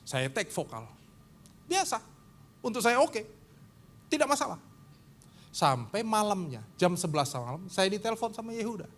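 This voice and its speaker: High-voiced lively male preacher. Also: normal speed, pauses often. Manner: animated storytelling, acting out quoted voices with big pitch jumps. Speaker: pastor. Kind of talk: sermon with acted anecdotes.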